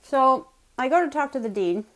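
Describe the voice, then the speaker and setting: A woman's voice: high voice, animated, normal speed. American woman chatting casually while eating. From West Virginia, United States. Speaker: mukbang host telling personal stories. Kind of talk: casual chatty storytelling to viewers.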